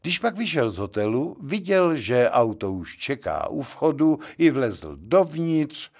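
A man reading a short story aloud as narrator, expressive and animated. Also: medium pitch, gravelly.

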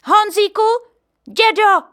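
A woman voicing a harried mother in a storybook reading, scolding and giving sharp orders. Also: extremely high pitch, voice pushed up. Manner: scolding, commanding. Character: harried young mother, stern and shouting.

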